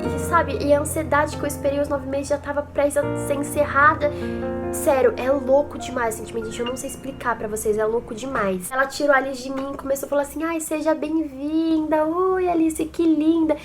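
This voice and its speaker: A young Brazilian woman with a high, bright-pitched voice talks straight to her viewers in a casual vlog. Her delivery is chatty and openly emotional, and she keeps calling out to her audience as she recounts something personal. Soft music plays faintly underneath. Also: steady tone, fast. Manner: chatty and emotional, often addressing viewers as "gente". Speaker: vlogger. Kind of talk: casual personal storytelling to camera.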